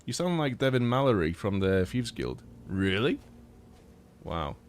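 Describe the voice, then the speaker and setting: With a lowish, sing-song and unhurried voice, a young man from Poland streams a game live and chats casually. He's a little stuffy-nosed and rambles, swearing often and full of fillers and restarts.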